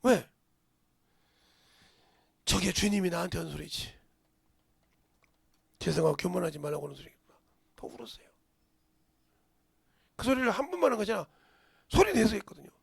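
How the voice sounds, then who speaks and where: A middle-aged male pastor preaching a sermon in a church, dropping to whispers and bursting into shouts. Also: high voice, big pitch swings, moderate pace, vocal fry, long pauses, breathy edge, dry recording. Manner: swings from hushed whispers to sudden shouts. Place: church sanctuary.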